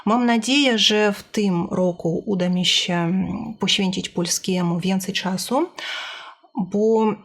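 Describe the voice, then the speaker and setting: A woman vlogger talks to her viewers in a language that is not her native one. She has a mid-pitched voice and picks her words carefully, with hesitant pauses as she searches for the next one. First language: not Polish or Armenian, both learned languages. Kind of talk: personal vlog monologue about language learning.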